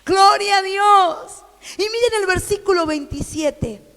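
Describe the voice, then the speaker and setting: High-pitched Argentine woman preaching fervently. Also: slow pace, big-room sound. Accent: Argentine Spanish. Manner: fervent, repetitive, rising to shouted proclamations. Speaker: pastor. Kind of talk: sermon.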